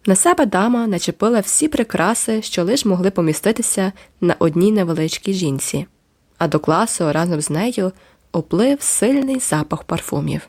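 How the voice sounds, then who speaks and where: A woman reading a classic novel aloud as an audiobook narrator, in a measured, expressive way. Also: lowish voice, no room sound, studio quality. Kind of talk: scripted literary narration.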